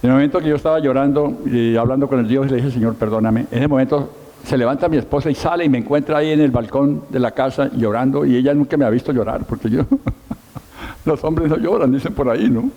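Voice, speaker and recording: A man's voice: mid-range voice, fast talker, dull audio. A middle-aged man, a pastor preaching a sermon, telling his story with emphasis and self-mocking humor. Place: church hall with long reverb. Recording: long hall reverb.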